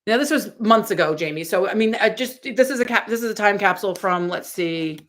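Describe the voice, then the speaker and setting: A woman's voice: medium pitch, animated, a little fast, fairly bright tone, a little hiss or hum. A woman in her forties, a live streamer reading out her chat in a rambling way, full of fillers and restarts. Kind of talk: casual livestream chat.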